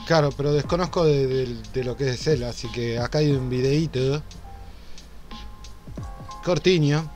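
A man's voice: medium pitch, fairly even intonation, fairly quick, hardly any pauses, a little mellow, faint music behind. Hesitant Argentine man, casual chat. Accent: Argentine Spanish. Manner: hesitant, repeats words. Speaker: reaction streamer.

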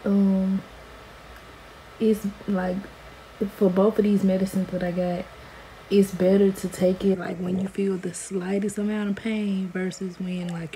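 An American woman in her twenties vlogs to camera from a small room at home, chatting in a casual, informal way. Her mid-range voice has a warm tone, but the audio is poor, with noticeable background room noise.

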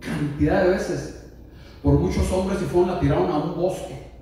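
A man preaching a lively sermon, joking with the congregation and raising his voice to shout. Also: high voice, moderate pace, a little hiss or hum. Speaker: pastor. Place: church hall. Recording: echoey church from far off.

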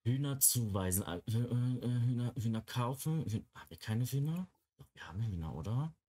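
A man's voice: medium pitch, lively intonation, moderate pace, warm tone, breathy edge. A young man giving casual gameplay commentary in a chatty way, often cooing baby talk at the game characters. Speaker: Let's Play gamer.

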